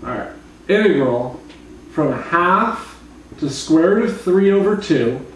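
Young guy, hungover, deadpan casual lecture, bit far from mic, faint noise in the background. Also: a little high, takes it slowly, roomy sound. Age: young adult. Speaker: calculus lecturer. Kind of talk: casual whiteboard lecture with joking asides. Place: living room at home, indoors. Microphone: camera mic from a few feet away.

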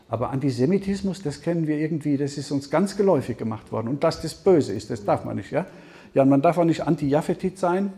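A man giving a conversational Bible seminar talk, often checking in with the audience with a quick "ja?". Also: mid-range voice, mellow. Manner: conversational, keeps asking "ja?". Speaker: Bible teacher. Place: seminar hall with audience questions.

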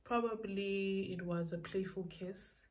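A woman's voice: mid-range voice, fairly even intonation, unhurried, a little mellow. A young woman with a South African accent, rambling and repeating herself as she casually answers questions. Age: young adult. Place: small indoor room.

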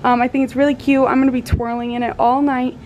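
A woman's voice: sits high, level tone, fast, a little mellow. A young woman chatting casually in a bubbly sorority-girl way for a vlog, often saying "like", recorded on a handheld camera in a small room. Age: young adult. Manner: heavy use of "like". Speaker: vlogger, college sorority member. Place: small dorm room, indoors. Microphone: handheld camera at arm's length. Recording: clear room noise on camera mic.

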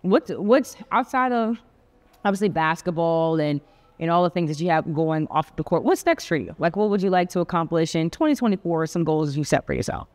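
A woman's voice: lowish voice, fairly quick, darkish tone. Chatty upbeat woman hosting a chat. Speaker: host. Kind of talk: casual interview chat. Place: indoors at a dinner table.

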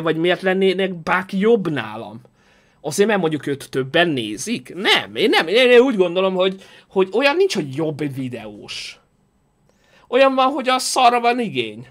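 A man live-streaming a game in casual chat, joking and thanking viewers for donations. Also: high-pitched. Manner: animated, jokey, reads and thanks donations.

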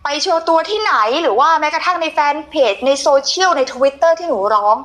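High-pitched female TV interviewer. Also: animated, brisk, fairly bright tone. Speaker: TV show host. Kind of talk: conversational television interview.

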